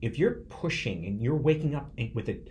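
A man's voice: medium pitch, sing-song, moderate pace, a little mellow, a little hiss or hum. A man in his forties hosting a podcast, delivering an earnest, emphatic motivational monologue. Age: 40s. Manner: earnest and emphatic, speaks from the heart. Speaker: podcast host.

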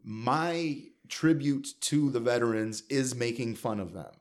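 Male stand-up comic, casual chat, blunt and profane, animated delivery. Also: medium pitch, a little slow. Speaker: stand-up comedian.

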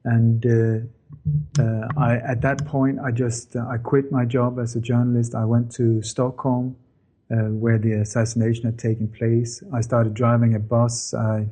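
The former journalist, a middle-aged man born in Denmark who grew up in Sweden, earnestly shares his history with an interviewer, correcting himself and using many fillers. The voice is mid-range, level, dark in tone, and a little slow.

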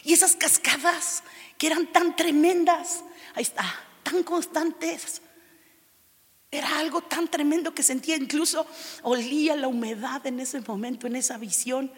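A woman preaching a sermon, expressive, moving between loud declarations and hushed, intimate tones. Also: high voice, unhurried, in a large hall.

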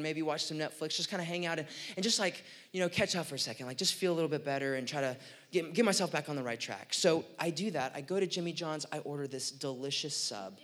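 A man's voice: a little high, a bit bright. A man giving a casual, humorous sermon story, venting with restarts and fillers.

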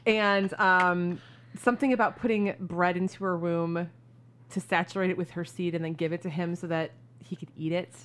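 A woman's voice: on the low side, steady tone, normal speed, fairly bright tone. A woman co-hosting a podcast, telling a story in frank, joking casual chat. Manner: chatty, frank, joking, many "like" fillers. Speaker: podcast co-host.

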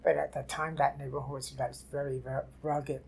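An older woman from New City, telling her life story haltingly in an oral history interview. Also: rumbling low, little pitch movement, creaky, darkish tone, slight background noise. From New York City. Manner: halting, repeats and restarts phrases. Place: library office.

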